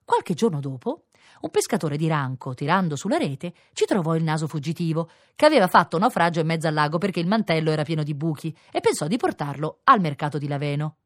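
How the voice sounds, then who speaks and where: Low expressive woman reading a fairy tale. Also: fast talker, dry recording, studio quality. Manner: expressive, playful narration. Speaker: reader. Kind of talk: storybook reading for radio.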